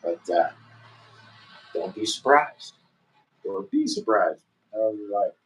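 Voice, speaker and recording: A man's voice: on the low side, very animated, measured pace, a bit bright, faint music behind, rough recording. A middle-aged man hosting a casual livestream, rambling in an easygoing way with lots of fillers and restarts. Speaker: livestream host and musician.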